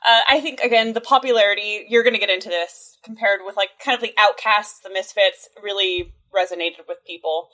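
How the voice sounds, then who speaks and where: A woman co-hosting a podcast in a casual comics discussion, relaxed, with fillers and small laughs. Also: mid-range voice, brisk, few pauses. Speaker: podcast co-host.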